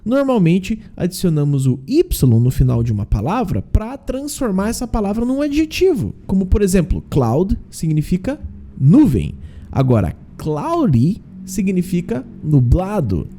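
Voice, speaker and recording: A man teaching a relaxed online lesson in a lively, animated voice. His tone is deep and mellow. He explains step by step and keeps checking that listeners follow. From Brazil. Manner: explains slowly, drills pronunciation, asks "né?" and "tá?". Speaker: English teacher.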